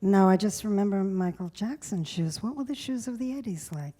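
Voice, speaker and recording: A woman's voice: medium pitch, lively intonation, brisk, dark tone. A woman in her sixties, a music journalist on stage, chatty and reminiscing as she answers questions. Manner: chatty, reminiscing, laughs often. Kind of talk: onstage conversation. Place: stage before a live audience.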